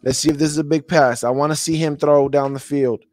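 A man's voice: on the high side, fairly even intonation, brisk, darkish tone, no echo. A man hosting a podcast, breaking down football film for his viewers in a casual way, thinking aloud and repeating himself. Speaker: podcast host reviewing game film. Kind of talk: casual film breakdown for a live stream audience.

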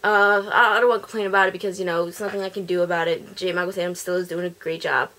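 A woman's voice: fairly low pitch, level tone, fast, bright, forceful tone. Chatty woman rambling on her vlog. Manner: chatty, rambling, often restarting words. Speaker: vlogger. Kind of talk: casual vlog commentary.

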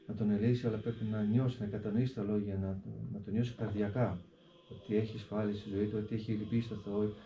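A man, a hermit monk, explaining a prayer in an interview in a deliberate way, often repeating a filler word and slowly reciting the prayer with shifting stress. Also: on the low side, dark tone. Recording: echoey, dull recording with faint background noise.

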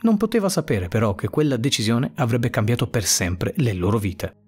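A man narrating a scripted story in a dramatic, expressive way. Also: medium pitch, moderate pace, slightly rough, faint music behind.

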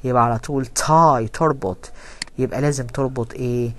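A man with an Egyptian Arabic accent teaching an English grammar lesson. He reads the English sentences slowly and then explains them quickly in Arabic. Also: mid-range voice, fairly even intonation, a bit bright.

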